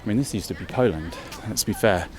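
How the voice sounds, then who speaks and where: A man's voice: lowish voice, quick pace, a crowd in the background. An English man talking while walking uphill outdoors for a travel vlog, chatty and thinking aloud, a bit out of breath. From England. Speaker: travel vlogger. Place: outdoors on a city hill walk. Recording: faint outdoor street noise.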